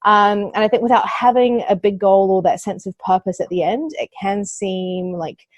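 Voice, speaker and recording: A marketing agency owner from New Zealand, speaking with a New Zealand accent, appears as a podcast guest in an interview. She talks earnestly at normal speed, with a medium-pitched, steady voice, thinking aloud and using fillers. There's no room sound.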